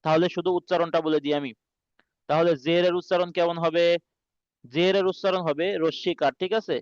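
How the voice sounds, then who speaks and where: A high-pitched man teaches an online class in Quran pronunciation, drilling each letter and repeating it slowly. The sound is dry and a little dull, as over a video call. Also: steady tone, no echo.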